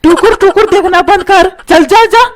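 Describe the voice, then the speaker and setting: A woman's voice: very high voice, normal speed, slight background noise. A woman voicing a grumpy, put-upon old husband and father who scolds and complains. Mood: scolding. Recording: music playing behind.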